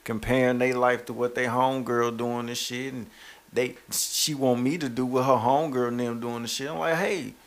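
A man co-hosting a casual podcast, blunt and quick to cut in. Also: medium pitch, little pitch movement. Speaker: podcast co-host. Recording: music clearly behind.

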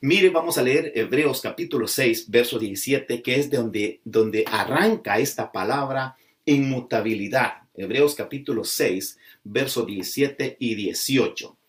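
A man preaching a sermon, slow and emphatic, stretching out key words as he drives a point home. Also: mid-range voice. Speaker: pastor. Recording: voice from a distance off the mic.

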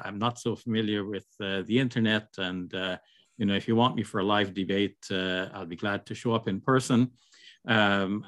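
A man's voice: on the low side, fairly bright tone, dry recording. An older man from Guyana speaking as an interview guest over a video call, hesitant and full of fillers. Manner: hesitant, many fillers and restarts. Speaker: guest, Islamic scholar.

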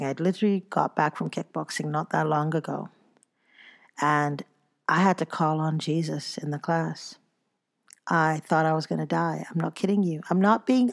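Gravelly low-voiced woman podcaster. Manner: earnest and reflective, slipping into lively self-mocking storytelling. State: tired after exercise. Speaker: podcast host. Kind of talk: casual solo podcast monologue.

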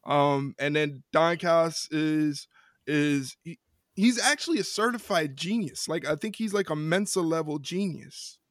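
A man co-hosting a casual wrestling podcast, ranting with lots of repeated words and quick laughs. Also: on the high side, animated, no room sound, studio quality. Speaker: podcast co-host.

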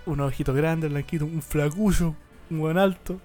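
A man's voice: on the high side, moderate pace, faint music behind. A young man with a Chilean accent, chatting casually as a podcast host and retelling scenes with lots of slang. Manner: animated retelling with acted-out quotes and slang. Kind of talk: casual chat.

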